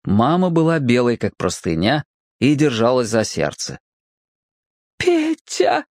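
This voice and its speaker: A narrator reading a children's story aloud with expressive delivery. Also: mid-range voice, normal speed, no echo, studio quality.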